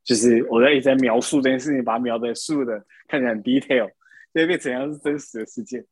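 A man, telling stories in a casual podcast chat, animated, laughing often. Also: medium pitch, fast talker, husky, no echo. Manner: animated storytelling with frequent laughs. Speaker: podcast co-host.

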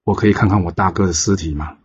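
A man's voice: deep voice, fast, darkish tone, a little hiss or hum, close to an everyday voice. Brief: angry immortal heroine read by a male narrator, dull lo-fi recording. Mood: pleading. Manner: angry, demanding. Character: fierce young immortal woman seeking revenge.

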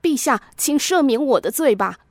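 A woman's voice: big pitch swings, normal speed, dry recording, clean studio sound. A woman reading a story, voicing a proud male army officer with a raised, emphatic voice. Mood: anxious. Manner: haughty, then eager and anxious, higher voice. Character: arrogant male army major turning fearful.

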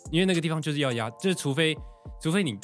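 A man's voice: a little high, rapid-fire. Young guy w/ taiwanese accent telling a story on a podcast, laughs a lot, some faint music under it. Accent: Taiwanese Mandarin. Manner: animated, laughs often, acts out quotes. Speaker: podcast co-host. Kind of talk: casual storytelling chat.

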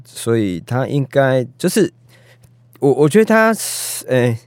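A man's voice: medium pitch, sing-song, a little slow, dry recording. A man with a Taiwanese Mandarin accent in a casual interview as a guest film director, hesitant and self-deprecating, searching for his words.

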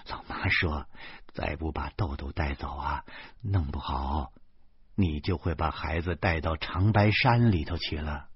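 A man reading the lines of a calm, level-headed young wife in a soft, low voice. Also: a little slow, slightly rough, no echo, full character voice. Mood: calm, chiding. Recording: dull lo-fi dry recording.

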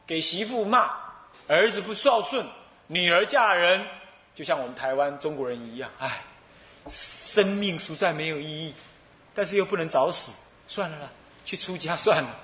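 A man's voice: fairly high pitch, pushed and bright, reverberant. A male Buddhist abbot with a Taiwanese Mandarin accent, preaching a sermon as a playful, laughing storyteller. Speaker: abbot and dharma teacher.

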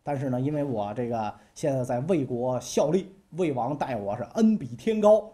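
Trusting, sentimental strategist, as a male storyteller voices him, plaintive and earnest, mellow tone with wide pitch swings. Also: expressive, normal speed, close to an everyday voice.

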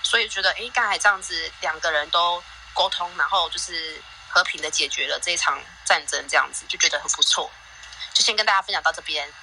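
Bright-voiced mother sharing a story. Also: on the low side, a little fast, slight background noise, poor audio. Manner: rambling, many restarts and fillers. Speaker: guest parent. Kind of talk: casual sharing on a live audio chat.

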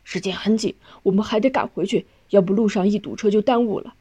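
Storybook figure: hurried father, read by a woman narrator, brisk and placating. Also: mid-range voice, mellow, slightly rough, dull audio, lightly acted. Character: hurried careless father, eager to comply.

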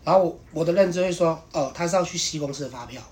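Rich: A quick, fairly high-voiced man, telling a work story in a rambling, animated way. He hurries through the account, restarting phrases and circling back over the details as he goes. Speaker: podcast host. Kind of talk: casual storytelling chat.

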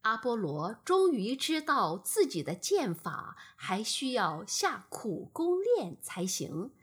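A woman narrating bedtime stories slowly and gently. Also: fairly high pitch, big pitch swings, husky. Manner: slow and gentle. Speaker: storyteller.

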